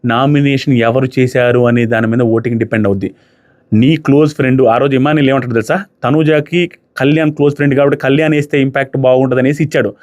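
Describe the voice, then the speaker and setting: Fast-talking man reviewing a show. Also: mid-range voice. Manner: fast animated retelling, acting out quotes. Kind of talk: casual commentary.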